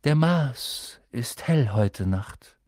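A man voicing a melancholy, cryptic male centaur in an audiobook, speaking slowly and solemnly. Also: medium pitch, animated, dark tone, no echo, studio quality. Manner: slow, solemn, evasive. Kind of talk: audiobook character voice.

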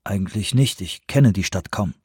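A man's voice: low-pitched, normal speed, darkish tone, husky, dry recording, studio quality. A man reading a reserved, hesitant traveler. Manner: hesitant, brief.

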